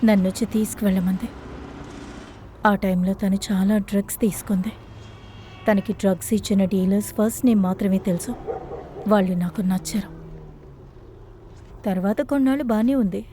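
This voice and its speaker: A woman voicing a fearless, composed woman with a mellow, darker voice, speaking in a measured tone. A faint hiss runs under her. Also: mid-range voice, fairly even intonation, close to an everyday voice. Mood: reflective. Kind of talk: dubbed film acting.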